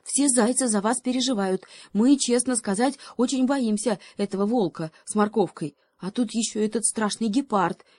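A woman's voice: on the high side, moderate pace, hardly any pauses, darkish tone, no echo, voice pushed up, natural voice. Woman playing a timid polite hare. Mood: nervous. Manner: nervous, polite.

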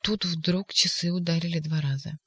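An audiobook narrator reading a story with steady, expressive delivery. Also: mid-range voice, moderate pace, breathy edge, no room sound, clean studio sound. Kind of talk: scripted narration.

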